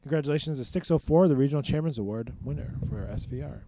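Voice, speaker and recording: A young man co-hosting a podcast, reading results with fillers and quick reactions. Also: medium pitch, mellow, no echo. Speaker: co-host. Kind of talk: podcast rankings recap.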